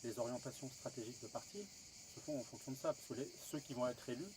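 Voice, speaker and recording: A man's voice: mid-range voice, fast talker, noisy background. A French man asking questions in an interview, hesitant, with many fillers and false starts.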